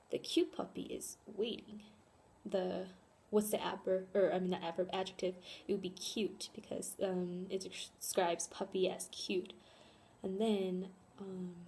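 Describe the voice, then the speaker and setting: A woman's voice: medium pitch, a little mellow, a little hiss or hum. Earnest young woman giving a class presentation. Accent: American. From born in South Korea, raised in Chicago. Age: young adult. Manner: earnest, with frequent ums and spelled-out letters. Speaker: student presenter.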